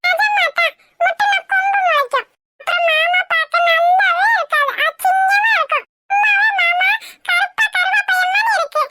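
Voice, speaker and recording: Little cartoon girl, squeaky, whiny, very high, bright, music underneath. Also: moderate pace, pauses often. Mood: tattling. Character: chattering little girl, tattletale. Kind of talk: cartoon voice acting.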